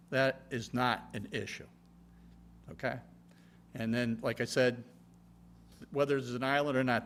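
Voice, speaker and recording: A man's voice: mid-range voice, a bit bright. A man answering as an engineer at a public meeting, explaining in a matter-of-fact way. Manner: matter-of-fact, checking with "okay?". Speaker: project engineer. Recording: noticeable background hum and noise.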